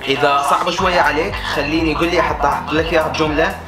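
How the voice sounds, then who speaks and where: A man's voice: fairly high pitch, fairly even intonation, racing. A man with an Iraqi Arabic accent chatting casually as he runs a word-guessing challenge. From Iraq. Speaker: quizzer in a dialect challenge. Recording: echoey room, music behind.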